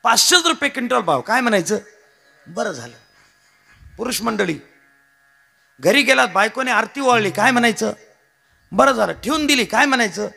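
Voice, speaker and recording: In this devotional storytelling sermon, a Marathi-accented man speaks in a very high, pushed, bright voice that is creaky and animated, at normal speed with frequent pauses. He jokes with the crowd, calls listeners maharaj, and has them answer back to his calls.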